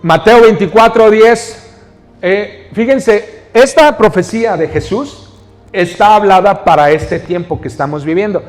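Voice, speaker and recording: A man's voice: high-pitched, measured pace, long reverb tail. A male pastor with a Mexican Spanish accent preaching a sermon in a church, reading scripture and explaining it with questions to the congregation. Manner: teaching, reads scripture then explains, asks the congregation questions. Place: church hall.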